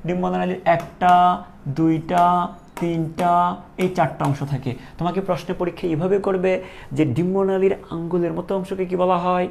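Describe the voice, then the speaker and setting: A man's voice: high-pitched, level tone, moderate pace, vocal fry, darkish tone, slight background noise. A male teacher giving a classroom lecture, asking questions and repeating each answer to drill the terms.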